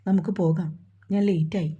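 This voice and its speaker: A protective young lover in a romantic storybook, speaking softly and coaxingly, as a woman reads his lines. The voice is dark, mellow and very husky, heard on a dull lo-fi recording. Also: fairly low pitch, steady tone, normal speed. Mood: soothing. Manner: tender, coaxing.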